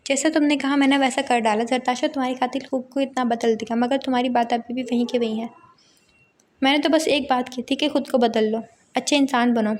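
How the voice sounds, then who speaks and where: A woman's voice: high-pitched, steady tone, brisk, close to an everyday voice. A woman reading the part of a stubborn young female student, indignant and defiant, in a romance novel.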